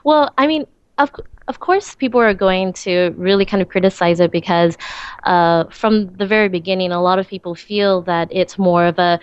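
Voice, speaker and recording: A woman's voice: on the low side, normal speed, smooth, no room sound. A woman calling into a radio show, chatting casually with a giggle and lots of fillers. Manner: giggly, rambling with many fillers. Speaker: caller. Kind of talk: casual chat on a phone-in. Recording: dull lo-fi call line.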